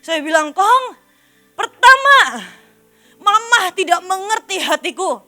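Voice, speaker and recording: A young adult woman preaches to a congregation with a very high, bright voice. She tells a story from her childhood with lively, animated delivery and keeps addressing her listeners directly. Soft music plays faintly behind her. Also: takes it slowly. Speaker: evangelist preacher.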